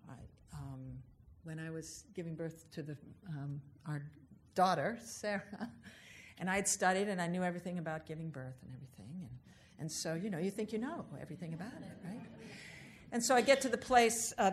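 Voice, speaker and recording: A woman giving an unhurried, thoughtful spiritual talk, stretching out the words she wants to stress. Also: fairly low pitch, slight background noise. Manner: unhurried, thoughtful, drawn-out emphasis on key words. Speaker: speaker giving a reflective address.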